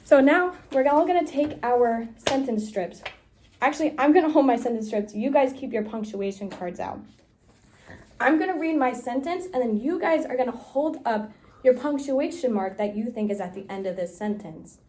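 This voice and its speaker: A woman's voice: on the high side, animated, moderate pace, darkish tone. Upbeat young woman teaching a class. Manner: upbeat, encouraging teacher talk with laughs. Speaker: student teacher. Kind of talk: classroom micro-teaching lesson.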